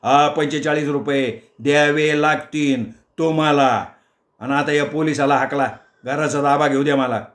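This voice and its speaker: A man's voice: a little high, fairly even intonation, a little slow, fairly bright tone, roomy sound. A man voicing an exasperated middle-aged male neighbour who scolds and accuses in an agitated way, in a storybook reading. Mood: accusing.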